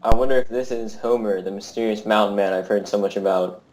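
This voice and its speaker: An actor playing a polite, easygoing young man who hikes with his dog and talks in a relaxed country way. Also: fairly low pitch, fast talker, a little hiss or hum, lightly acted, low-quality recording. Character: friendly young male hiker with a beard.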